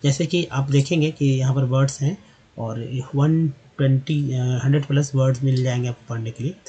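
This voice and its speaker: A man's voice: medium pitch, steady tone, moderate pace, warm tone, husky. A man giving a spoken lesson on English pronunciation, spelling words out letter by letter and repeating them. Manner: addresses viewers as friends and asks questions to the class. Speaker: English teacher.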